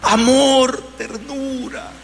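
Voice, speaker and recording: Slow, high-voiced preacher in his seventies. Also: steady tone, vocal fry, music in the background. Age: 70s. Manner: slow, emphatic preaching with rising exclamations. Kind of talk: sermon. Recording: hall reverb with faint noise.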